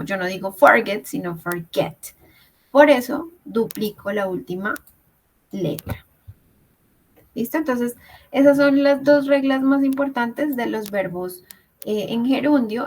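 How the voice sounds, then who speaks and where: A woman with a mid-range voice teaches English grammar in an online class, going step by step and checking in with her students. It's recorded over a video call, and the audio quality is poor.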